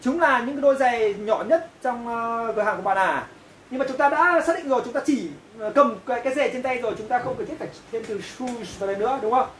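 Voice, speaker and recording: Woman w vietnamese accent doing an english grammar lesson, kinda high voice, mic far off in an echoey room. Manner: slow, repeats and translates each phrase, often asks "right?". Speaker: English teacher. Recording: echoey room, voice from a distance, faint hiss.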